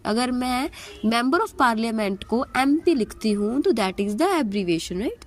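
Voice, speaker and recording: A young woman teaching English vocabulary for exams, mixing Hindi and English and asking questions as she explains. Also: on the high side. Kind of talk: exam-prep vocabulary lesson.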